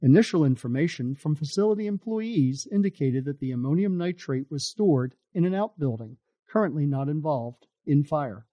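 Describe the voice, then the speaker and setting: A man's voice: a little high, animated, normal speed, hardly any pauses, warm tone, no room sound. An American man reading scripted documentary narration.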